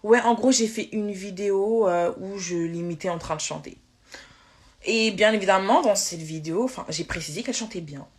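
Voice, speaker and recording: Woman, irritated, heated live-stream rant, fast tangled slangy speech, restarts. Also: mid-range voice.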